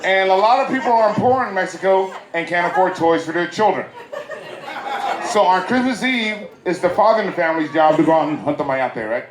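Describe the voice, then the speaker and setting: A man's voice: sits high, expressive, a little fast. A man from Southern California performing a stand-up comedy set at a private party, telling loose stories with playful asides to the audience. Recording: echoey bootleg with loud crowd and noise.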